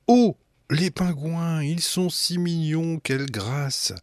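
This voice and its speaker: A man voicing an excitable, enthusiastic mother who gushes in a storybook reading. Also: fairly high pitch, slow, no room sound, studio quality, pitched above the performer's own voice. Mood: gushing. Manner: gushing, enthusiastic.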